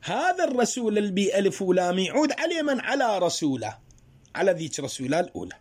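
Lively high-pitched male grammar teacher. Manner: explains slowly with worked examples, rhetorical questions. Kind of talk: spoken Arabic grammar lesson.

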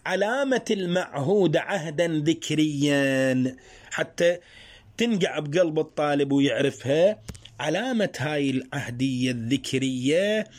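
A man teaching a grammar lesson. He explains slowly through worked examples and asks his students rhetorical questions. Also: on the high side. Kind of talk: spoken Arabic grammar lesson.

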